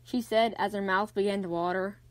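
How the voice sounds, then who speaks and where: A woman narrating a children's Bible story in an even, clear read-aloud manner. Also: mid-range voice, brisk, dry recording.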